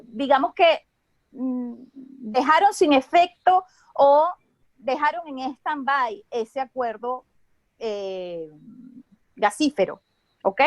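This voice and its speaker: A woman's voice: high-pitched, expressive, slow, long pauses, no room sound. A woman with a Venezuelan Caribbean Spanish accent explains things in a semi-formal, didactic way, often checking in with short tag questions. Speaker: expert speaker on geopolitics.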